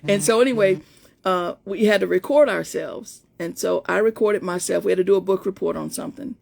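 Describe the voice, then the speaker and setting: A woman's voice: medium pitch, a little fast, gravelly, darkish tone. A woman of about fifty with an in-between, not very feminine voice, telling a personal story in a chatty live stream as a coach. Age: 50s. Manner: storytelling, chatty, many restarts. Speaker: life coach. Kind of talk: casual live-stream talk to viewers.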